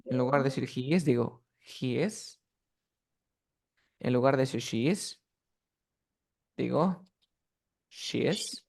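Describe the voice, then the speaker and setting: A man's voice: medium pitch, takes it slowly, creaky, long pauses, a little mellow. Patient male teacher drilling words. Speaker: English teacher. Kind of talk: online class instruction.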